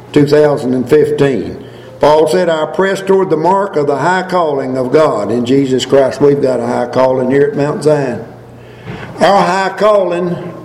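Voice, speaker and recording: A man's voice: on the high side, a little mellow. A man preaching a sermon in a folksy storytelling way, repeating phrases for emphasis. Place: large reverberant church room. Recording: echoey hall, distant mic, faint noise.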